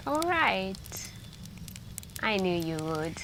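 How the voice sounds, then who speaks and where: A woman performs a soft-spoken ASMR roleplay, telling a story as a girlfriend beside a campfire on a camping trip. Her mid-range voice is very animated yet hushed and intimate, drawn out with long pauses and stretches of whispering, while the fire crackles amid night ambience.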